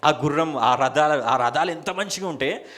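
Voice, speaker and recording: A man preaching a church sermon in a Telangana Telugu accent, with shouted hallelujahs and rhetorical questions. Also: a little high, normal speed. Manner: soft murmured prayer at the start. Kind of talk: church sermon with opening prayer.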